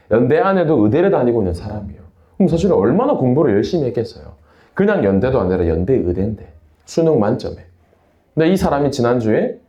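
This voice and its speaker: A man's voice: mid-range voice, dark tone, roomy sound. A young man from Busan with a Busan Gyeongsang accent, preaching to a youth group in a chatty storytelling way. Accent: Busan Gyeongsang dialect. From Busan, South Korea. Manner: chatty storytelling, refers to himself in third person. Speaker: youth pastor.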